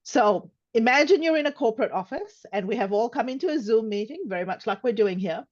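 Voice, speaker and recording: An older woman co-presenting a webinar over a video call, speaking carefully and warmly with frequent ums. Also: on the high side, animated, brisk, dull audio. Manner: warm, careful, frequent um fillers.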